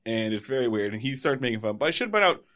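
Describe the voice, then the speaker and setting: A man with a mid-range voice talks fast as co-host of a casual podcast, recapping an old sitcom episode. He's animated and jokey, tossing in asides throughout.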